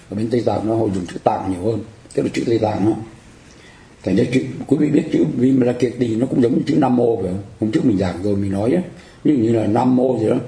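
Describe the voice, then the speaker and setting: A man with a low, warm voice gives a dharma lecture in a roomy space, patiently explaining Buddhist terms. He repeats phrases and often asks the audience whether they follow and agree.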